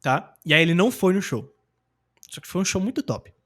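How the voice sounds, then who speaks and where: A young adult man from Brazil, an English teacher, explaining in a casual, slangy and animated way. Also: high-pitched, fairly quick. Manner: animated and slangy, acting out example phrases.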